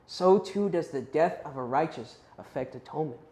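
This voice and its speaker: A man's voice: on the high side, lively intonation, moderate pace, warm tone. A man teaching a youth Bible class in a casual, conversational way, checking in with his listeners and unsure how to pronounce some Hebrew and Greek words. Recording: roomy echo.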